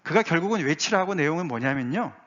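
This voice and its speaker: A male pastor preaching a sermon with emphatic swings, rising to exclaim and dropping low. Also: animated, quick pace, fairly bright tone. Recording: dull lo-fi sound.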